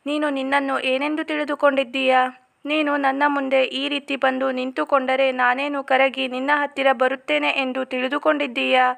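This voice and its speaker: A woman voicing a scornful young husband who fires off harsh scolding questions, in a high flat voice, and it's a storybook read-aloud. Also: moderate pace, creaky, full character voice.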